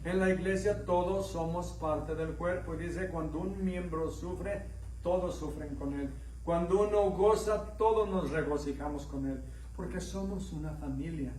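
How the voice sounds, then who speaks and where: The voice is on the high side, unhurried and warm: a middle-aged Mexican pastor with a slightly mixed Mexican accent giving a conversational sermon. He storytells, asks the congregation questions, and acts out dialogue in raised voices. The distant mic in the echoey sanctuary carries slight background noise.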